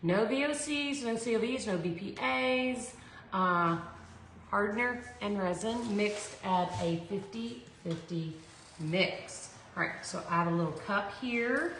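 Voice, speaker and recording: A woman's voice: medium pitch, a little slow, fairly bright tone. Woman chatting in an echoey room. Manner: rambling, thinking aloud. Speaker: host of a live art tutorial. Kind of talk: casual live craft tutorial, chatting with viewers. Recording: echoey room with background noise.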